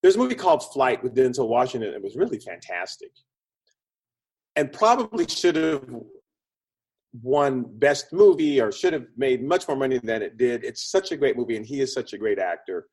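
This man, a film producer and script consultant, talks conversationally as an interview guest, explaining ideas like a storyteller and acting out quotes. His husky, mid-range voice has a darkish tone, big pitch swings, and a moderate pace.

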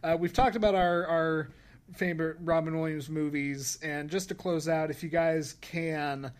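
Halting man hosting a podcast. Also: fairly high pitch, fairly even intonation. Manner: halting, filler-heavy, laughing. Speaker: podcast host. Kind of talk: casual podcast chat.

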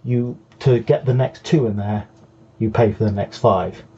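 A man's voice: on the low side, fairly even intonation, unhurried, dull audio, a little hiss or hum. A man co-hosting a hobby show, patiently explaining game rules in casual chat and often restarting his sentences. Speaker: co-host.

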